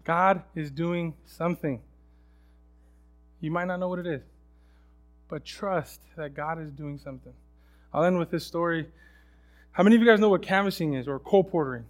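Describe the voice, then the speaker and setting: A man's voice: a little high, brisk, long pauses, faint music behind. A young man preaching a sermon in a casual, storytelling way, often restarting his sentences and acting out other people's voices. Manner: many restarts and fillers.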